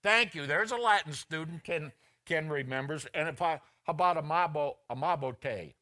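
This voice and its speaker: A man's voice: fairly high pitch, moderate pace, a bit bright. A middle-aged man preaching a personal, story-driven sermon as a pastor in a church, acting out the voices of people he quotes. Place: church sanctuary.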